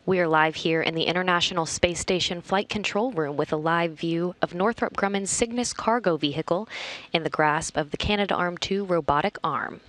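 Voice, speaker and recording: A woman's voice: fairly low pitch, normal speed, fairly bright tone, no echo. A woman giving formal, informative live commentary as a mission control announcer. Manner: formal, clearly structured announcing. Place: flight control room.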